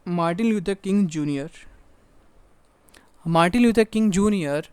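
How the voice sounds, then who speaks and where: A young man, teaching an exam-prep lesson. He reads English notes slowly, explains in Hindi, and urges his students directly. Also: high-pitched, darkish tone, clear, resonant tone, dry recording. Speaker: tutor.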